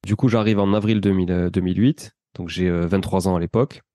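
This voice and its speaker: A man's voice: low voice, fairly even intonation, fast talker, dark tone, dry recording, clean studio sound. A man of around forty with a Toulouse accent, telling his life story as a guest in a casual interview and often turning to the host. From France. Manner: chatty, addresses the host with "tu vois".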